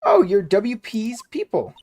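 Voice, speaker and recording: A man voicing a shrill, nervous male studio assistant who stammers and blurts things out loudly. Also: huge pitch swings, unhurried, full character voice. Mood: flustered. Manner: flustered, stammering, loud.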